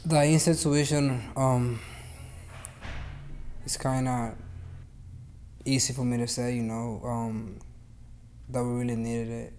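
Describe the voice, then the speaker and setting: Young man, late teens, flat mellow voice, earnest and determined, faint background hiss. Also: mid-range voice, slow, pauses often. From Honduras. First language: Spanish. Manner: earnest, determined, many fillers. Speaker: student activist. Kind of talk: interview testimony.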